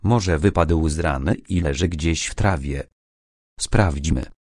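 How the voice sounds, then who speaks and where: A man voicing a shocked young gentleman who speaks urgently in an audiobook. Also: very deep voice, slow, dry recording, studio quality, exaggerated voice. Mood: shaken. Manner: urgent, agitated.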